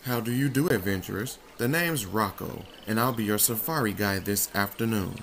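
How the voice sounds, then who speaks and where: A man playing a calm, genial safari guide, giving measured and informative scripted ride narration. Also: on the low side, slight background noise. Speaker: tour guide. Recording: loud music behind voice. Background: music.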